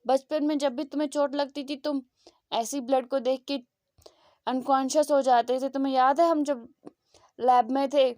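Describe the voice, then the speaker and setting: A woman's voice: high-pitched, fairly even intonation, moderate pace, mellow, no room sound, studio quality, close to an everyday voice. A woman voicing a cheeky, teasing young woman in a retold story.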